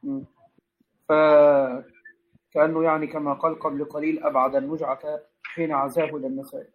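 A man's voice: a little high, little pitch movement, fairly quick. A man teaching as a sheikh, correcting and explaining a student's reading of a classical text, heard on a dull lo-fi lesson recording.

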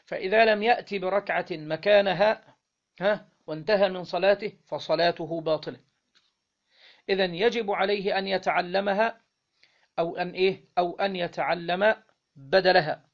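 A man with an Egyptian accent teaching Islamic law, reading a legal text aloud and then explaining it, often pausing to quiz his listeners. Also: high-pitched, steady tone, dull audio. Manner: reads the text then explains, quizzing listeners with "what?" pauses.

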